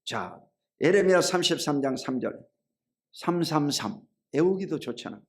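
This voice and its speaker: A middle-aged male pastor preaching a sermon, asking the congregation rhetorical questions and calling for amens, telling homely stories in a chatty way that swings between loud and low. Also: lively intonation, unhurried. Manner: colloquial storytelling, shifts between loud and low.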